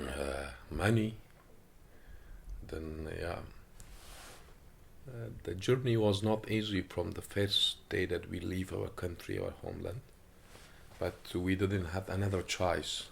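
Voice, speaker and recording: A man from Afghanistan, speaking halting with many hesitations as he gives personal testimony in an interview, recorded in an apartment. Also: sits low, vocal fry, a bit bright, a little hiss or hum. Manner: halting non-native English with frequent hesitations.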